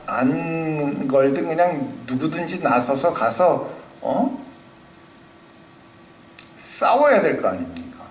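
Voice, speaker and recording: A man's voice: fairly high pitch, reverberant. A male pastor preaching a sermon in a church, speaking animatedly and asking the congregation questions. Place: church hall.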